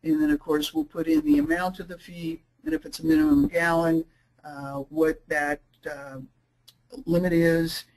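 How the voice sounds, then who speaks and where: A woman presenting a software webinar, explaining features casually with frequent fillers and restarts. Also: low-pitched, fairly even intonation, low-quality recording. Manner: says she is talking too fast. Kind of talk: screen-share product demo.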